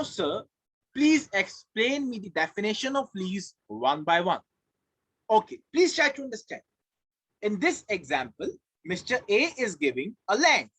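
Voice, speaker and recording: A man's voice: high voice, fairly bright tone, breathy edge, no echo. A man with an Indian accent teaching a live online class, emphatic and repeating key phrases. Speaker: law teacher. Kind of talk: live online lecture to students.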